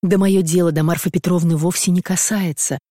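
A polite young gentleman speaks in formal, courtly phrases, read by a woman narrator. The reading is close and dry, a little low in pitch. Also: fairly even intonation, a little fast, no echo, natural voice. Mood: courteous. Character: polite young gentleman suitor, growing impatient.

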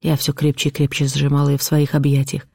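A man reading literary prose aloud, measured and expressive. His voice sits a little higher than most men's yet sounds dark and mellow, captured dry and close to the mic. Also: vocal fry, dry recording. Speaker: audiobook reader. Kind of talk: literary narration.

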